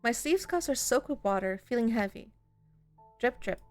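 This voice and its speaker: A woman narrates a visual novel as she plays, her fairly high voice lively in intonation and steady in pace, with soft background music. She jumps between expressive reading and casual, reactive outbursts that include some swearing.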